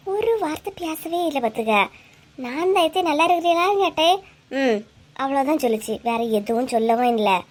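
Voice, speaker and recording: A high-pitched, chatty village neighbor in a cartoon, voiced by a woman. She gossips and teases in a broad Kanyakumari Tamil accent, trading quick remarks. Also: natural voice. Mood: gossiping. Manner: chatty, teasing, rapid back-and-forth. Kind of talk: cartoon voice acting.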